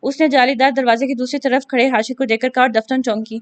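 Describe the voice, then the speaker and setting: A woman reading a romance novel aloud with expressive storytelling. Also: high-pitched. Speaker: novel reader.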